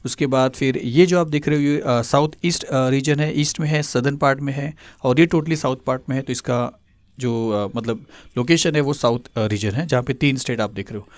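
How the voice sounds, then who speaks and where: A male tutor explaining a memory trick step by step, pausing often with filler sounds. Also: mid-range voice, dry recording. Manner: hesitant, many filler sounds.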